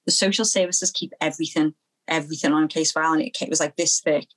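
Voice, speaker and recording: A young woman from Liverpool, speaking as an interview guest, earnest and halting, often repeating phrases as she recalls her past. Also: low voice, steady tone, low-quality recording. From Liverpool, England. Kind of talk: personal testimony in an interview.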